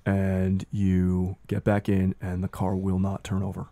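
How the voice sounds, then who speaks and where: Low, mellow male game master. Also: monotone, measured pace, no room sound. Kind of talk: narrating a tabletop role-playing game.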